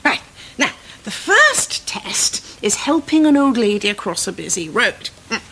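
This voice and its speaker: A middle-aged woman playing a brisk, fond but exasperated scout leader in a children's comedy, giving bossy, patient instructions outdoors. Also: on the high side, big pitch swings, bright, forceful tone, breathy edge, full character voice. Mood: instructing. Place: outdoor garden set.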